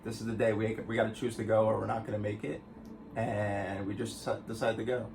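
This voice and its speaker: A man's voice: on the low side, little pitch movement, fairly quick, creaky, background noise. A young man chatting casually as a guest on his girlfriend's vlog, laid-back and rambling, with restarts. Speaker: boyfriend guest. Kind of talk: casual chat.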